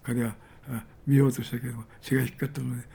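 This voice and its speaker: A male pastor delivers a storytelling sermon, his voice heavily gravelly and husky. It sits somewhat high for a man yet sounds dark and mellow. He leans on fillers and repeats words for emphasis. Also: little pitch movement, fast talker.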